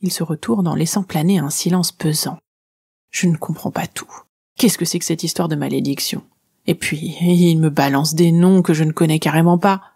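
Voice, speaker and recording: A woman author narrating her own children's adventure book in a lively, playful first-person voice. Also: deep voice, brisk, vocal fry, breathy edge.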